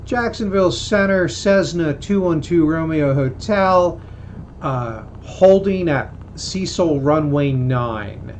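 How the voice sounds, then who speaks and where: A man's voice: a little high, expressive, slow. A man flying a small plane, heard through a cockpit headset, thinking aloud in a hesitant, self-deprecating way between radio calls to air traffic control. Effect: heard through a cockpit headset intercom. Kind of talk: casual vlog narration mixed with radio calls. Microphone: aviation headset mic. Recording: muffled cockpit audio with faint engine hum.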